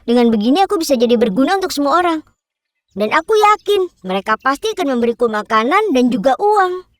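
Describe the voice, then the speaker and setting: Woman playing a cartoon piglet, extremely high voice, earnest, sensible youngest sibling, dry sound. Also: very animated, quick pace, no echo. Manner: earnest, scolding, helpful. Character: sensible, hardworking youngest little pig. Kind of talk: children's cartoon fairy-tale acting.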